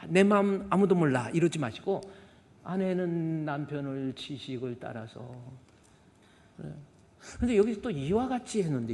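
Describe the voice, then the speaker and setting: A man's voice: on the high side, vocal fry, a little mellow, in a large hall. A man preaching a Sunday sermon as senior pastor, telling stories in a colloquial way and acting out the voices he quotes. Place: church sanctuary.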